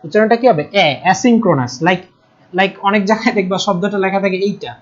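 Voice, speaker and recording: A man's voice: sits high, fast talker, lo-fi sound. A young man with a Bangladeshi Bengali accent, teaching a live online class, patient and repeating key terms while often asking if students follow. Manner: patient, checks in often with "ঠিক আছে?"; stresses spelling and pronunciation, repeating terms.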